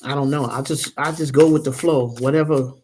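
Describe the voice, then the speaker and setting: A woman's voice: extremely low pitch, fairly even intonation, a little fast, darkish tone, a little hiss or hum. A woman in her forties, a tarot reader chatting casually and rambling to her livestream viewers. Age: 40s.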